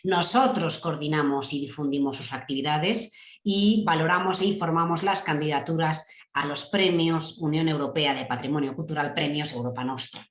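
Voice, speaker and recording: A woman's voice: sits low, moderate pace, few pauses, roomy sound. A woman giving an online conference talk over a video call, hesitant with many fillers. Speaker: director general giving a keynote talk.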